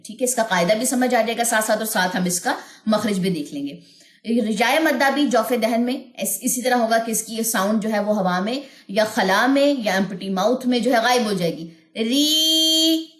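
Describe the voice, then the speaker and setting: A woman's voice: a little high, reverberant. A woman teaching Quran recitation online, explaining pronunciation and drawing out long vowels in her examples while mixing in English words. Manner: demonstrates sounds with long drawn-out vowels. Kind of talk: online tajweed lesson.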